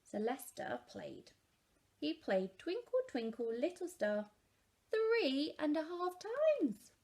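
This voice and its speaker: Lady reading a nursery storybook, highish voice, really lively intonation. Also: slow. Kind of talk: expressive children's story reading.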